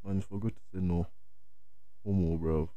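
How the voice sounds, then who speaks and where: A man's voice: deep voice, fairly even intonation, normal speed, no room sound, dull audio. A young man chatting casually as a guest, laid-back and hesitant, using street slang. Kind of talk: casual chat.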